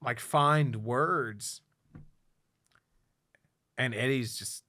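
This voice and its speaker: A man hosting a podcast in casual chat, rambling with lots of fillers and swearing, getting quieter on somber points. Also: drawn-out words. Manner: rambling, profane, many fillers, drops low when somber. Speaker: podcast host.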